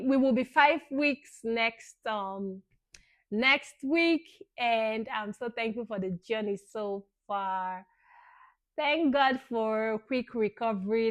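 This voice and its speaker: A woman's voice: fairly high pitch, no room sound, highs cut off. A young woman vlogger earnestly recounting a personal experience in a casual, thankful way, often saying "you know".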